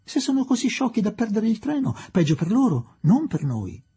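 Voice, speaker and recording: A man's voice: sits high, sing-song, moderate pace, dark tone, husky, voice pushed up, heavily acted. A man voicing a blunt, impatient young woman in a storybook reading. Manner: impatient, dismissive.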